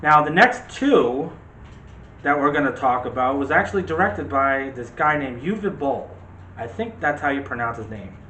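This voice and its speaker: Speaking straight to viewers, a man co-hosts a casual, opinionated movie discussion show, making his points emphatically. His medium-pitched voice is expressive, bright, and forceful, at a moderate pace. The recording has a roomy echo and faint background noise.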